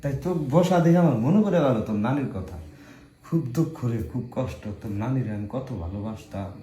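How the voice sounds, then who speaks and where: An elderly village grandfather, played by a man, speaks, rambling through folksy stories and bursting into loud scolding. His pitch swings widely, and the room around him sounds echoey. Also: lively intonation, a little fast, muffled recording, close to an everyday voice. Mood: reminiscing. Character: elderly village grandfather, later a blustering husband. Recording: roomy indoor recording.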